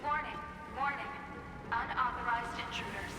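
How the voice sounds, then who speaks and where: A woman voicing a stern female security robot in a video game, giving flat, clipped warning announcements through an echoing robotic effect. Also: on the high side, normal speed. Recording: echoey, reverberant hall with loud game music. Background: loud game music.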